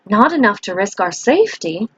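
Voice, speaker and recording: A woman's voice: mid-range voice, big pitch swings, normal speed, slightly rough, no room sound. Grumpy cautious sidekick, woman reading the part, reluctant, dry dull audio. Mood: wary. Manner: reluctant and grudging. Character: wary, grumpy young companion.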